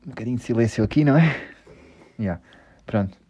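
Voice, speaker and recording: A man with a European Portuguese accent hosts a casual podcast in a medium-pitched, animated, dark and slightly rough voice at a quick pace. He rambles, jokes at his own expense and swears a lot.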